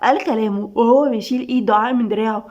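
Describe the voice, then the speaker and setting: A woman's voice: a little high, racing, darkish tone, highs cut off. A woman with an Egyptian Arabic accent, reading a romance story aloud as its narrator.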